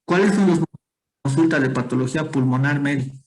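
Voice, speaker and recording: A man's voice: on the high side, quick pace, darkish tone, low-quality recording. A man teaching a medical class online, explaining step by step and calling on students with questions. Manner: explanatory, quizzes students, frequent tag questions. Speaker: medical lecturer.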